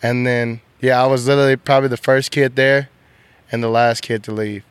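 A young man from Texas, a bull rider, talking candidly and emotionally in halting, soft-spoken sentences. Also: medium pitch, flat delivery, clean tone, no echo. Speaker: professional bull rider, guest. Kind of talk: candid interview chat.

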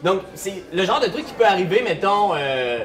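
A young man with a Quebec French accent, narrating a live tabletop game as game master in a lively, laughing way. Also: high-pitched, normal speed, crowd noise. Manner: lively, animated storytelling, laughing often. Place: large hall before a live audience. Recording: distant mic, roomy hall, audience laughter.

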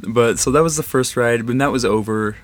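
A man's voice: medium pitch, fairly quick. A man hosting a podcast, chatting eagerly and laughing as he retells a day out. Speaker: podcast host. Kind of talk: casual chat.

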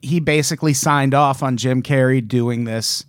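A man's voice: medium pitch, steady tone, moderate pace, clean tone, no echo, clean studio sound. A man co-hosting a casual podcast chat, telling a story with lots of swearing and quoting people in passing voices. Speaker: podcast co-host.

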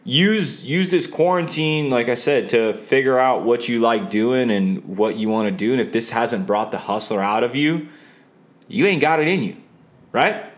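A man's voice: mid-range voice, normal speed. A man in his twenties co-hosting a podcast, rambling casually, swearing often and repeating himself. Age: 20s. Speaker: podcast co-host.

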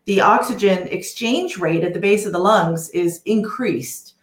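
Animated woman telling a story, roomy echo. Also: mid-range voice, measured pace. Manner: lively storyteller, animated when recounting. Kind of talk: casual podcast conversation.

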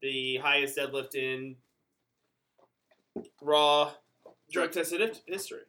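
A man with a slightly raised pitch talks emphatically as a podcast co-host. He sounds enthusiastic about the competition. The tone is casual sports chat. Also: steady tone, slow pace, bright, forceful tone.

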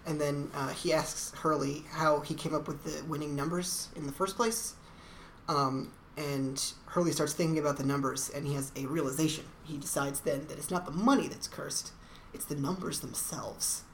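A woman with a low, deep-set voice recaps a TV episode in a dry, matter-of-fact way. She sounds like she is in an echoey room. There is a faint hiss in the background. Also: steady tone, moderate pace. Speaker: podcast co-host.

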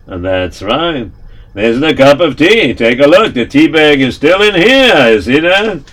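A man storyteller voicing a shrewd old rabbi who speaks gently and deliberately, mixing in Yiddish words. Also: on the high side, big pitch swings. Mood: feigned regret. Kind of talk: storytelling with put-on voices.

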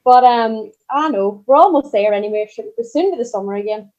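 A woman's voice: fairly high pitch, fairly quick, a little mellow. A young woman with a Donegal accent from Ireland, chatting casually as a podcast guest over a remote call. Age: young adult. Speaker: podcast guest, country singer. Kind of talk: casual chat.

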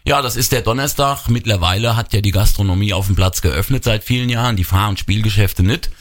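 Low-voiced local man explaining steadily. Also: a little fast. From Bad Kreuznach region. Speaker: chair of a showmen's association. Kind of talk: radio interview guest.

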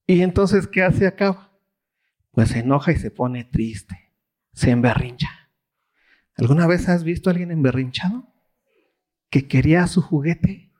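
A pastor with a Mexican accent teaches a Bible study in sermon form, his voice on the high side and a little mellow. He asks questions and lets listeners supply the answers.

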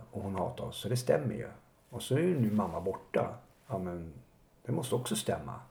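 A man telling his life story in an interview, halting and reflective with many pauses. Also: on the low side, vocal fry, dark tone. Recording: echoey room with faint noise.

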